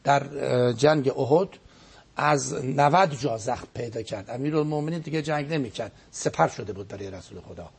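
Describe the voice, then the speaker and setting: A man's voice: medium pitch, vocal fry, slightly rough. A man speaking as a guest cleric, giving an earnest, emphatic religious lecture on a broadcast program and often repeating his words for stress. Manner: earnest, emphatic preaching with repetitions.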